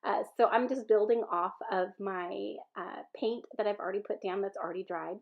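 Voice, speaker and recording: A woman's voice: mid-range voice, fairly even intonation, moderate pace, creaky. Stuffy-nosed Southern woman, chatty craft voice-over, rambling, slightly muffled recording. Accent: Southern American. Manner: chatty, rambling with fillers and self-corrections. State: stuffy-nosed from a sinus infection. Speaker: scrapbooking video creator.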